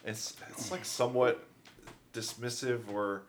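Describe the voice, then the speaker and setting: A man's voice: medium pitch, measured pace, slight background noise. A middle-aged man co-hosting a casual podcast chat, enthusiastic and laughing often. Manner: animated, laughs often, enthusiastic about game lore. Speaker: podcast co-host.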